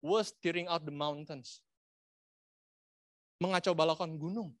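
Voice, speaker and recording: Dramatic male preacher, loud then hushed. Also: a little high, dry recording, clean studio sound. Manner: dramatic, swings between loud and hushed delivery; asks the congregation rhetorical questions. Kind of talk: sermon.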